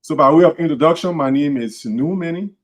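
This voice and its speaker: A fairly quick, somewhat high male voice with a Liberian accent belongs to a podcast host from Liberia. His casual, earnest style involves restarting phrases and saying words more than once.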